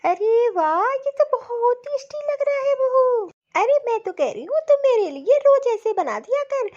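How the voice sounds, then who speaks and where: A woman voicing a gentle, caring older mother-in-law in a cartoon story, talking softly and fondly. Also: very high voice, sing-song, normal speed. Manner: soft, fond, soothing. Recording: dull lo-fi audio.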